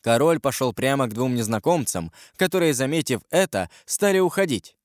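Male audiobook narrator, expressive and dramatic; lively pitch, dry close mic. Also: fairly quick, no echo. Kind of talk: scripted narration of a novel.

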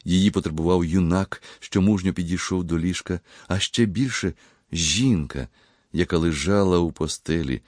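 A man reading a story aloud as a narrator, in measured, even storytelling. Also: low voice, no room sound, clean studio sound. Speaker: audiobook narrator. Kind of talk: scripted narration.

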